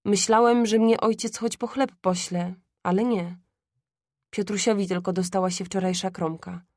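A woman's voice: mid-range voice, steady tone, normal speed, darkish tone, dry recording, studio quality. Woman reading a classic story aloud. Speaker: audiobook reader. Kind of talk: scripted literary narration.

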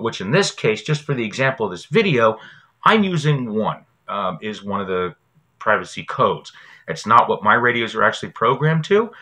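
Sitting at a desk in a small indoor room, a man in his forties who hosts a prepping radio show gives a casual how-to tutorial, talking straight to viewers in a chatty, folksy way. His voice is medium-pitched with a sharp tone.

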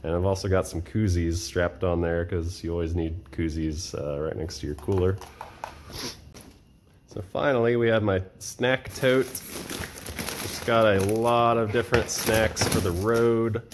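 A relaxed man in his thirties talks through his gear in a low, easygoing voice. He chats casually, with plenty of uh fillers. An air conditioner hums clearly in the room behind him. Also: measured pace, a little hiss or hum. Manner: relaxed, chatty, with frequent uh fillers. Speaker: vlogger showing camping gear. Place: cluttered home storage room and kitchen, indoors.

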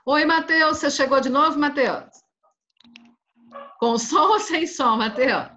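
A middle-aged woman teaching Portuguese in an online class, drilling verb conjugations, calling on students by name and praising them briskly. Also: sits high, bright, forceful tone, a little hiss or hum. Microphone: video call. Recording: dull, lo-fi video call audio.

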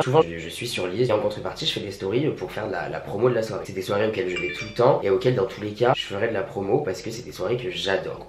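A man's voice: lowish voice, a little mellow. Hungover camp young man. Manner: camp, chatty, self-mocking, swears freely. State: hungover and still a bit drunk. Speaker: vlogger. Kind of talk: casual morning routine vlog. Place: apartment bathroom. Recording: echoey room, faint noise.

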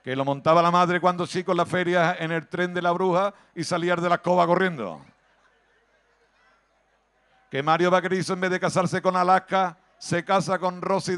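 A man with an Andalusian accent doing live stand-up comedy at an outdoor town festival, chatty and teasing the crowd, switching into quick put-on voices. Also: high-pitched, steady tone, vocal fry, fairly bright tone, clean tone.

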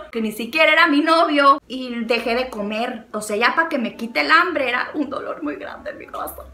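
A young Mexican woman vlogging, chatty and animated, telling breakup stories with many laughs and acted-out quotes and giving advice. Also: high-pitched, normal speed. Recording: echoey room with faint music.

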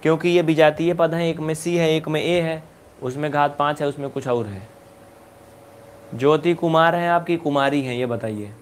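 A man teaching a live online maths class, brisk and coaxing, urging students to answer quickly and scolding them playfully. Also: on the high side, slight background noise.

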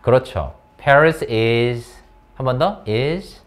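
A man gives an English grammar lesson in English at an academy, coaxing his students with repeated questions and naming those he calls on, all in a lively manner. His mid-range voice moves extremely slowly.

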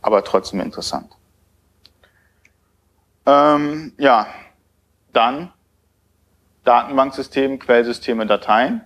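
A man's voice: medium pitch, slow pace, pauses often, a bit bright. Hesitant man giving a tech talk. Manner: hesitant, many filler sounds. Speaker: conference speaker. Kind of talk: technical conference talk. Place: lecture hall at a podium.

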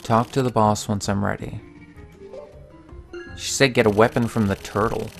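Man, lowish voice, slow, let's play narration, faint music behind. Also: steady tone, creaky. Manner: slow, measured reading of dialogue. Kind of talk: reading game text aloud with commentary.

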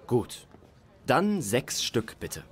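A man acting a polite shopper at a market in a scripted language-lesson dialogue, speaking slowly and deliberately. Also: mid-range voice, wildly swooping pitch, exaggerated voice. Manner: slow, deliberate learner-friendly delivery.

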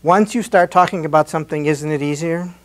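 A man's voice: a little high, a little fast. A man giving a slide presentation at an adult education talk, speaking in a conversational, encouraging way and often tagging on rhetorical questions.

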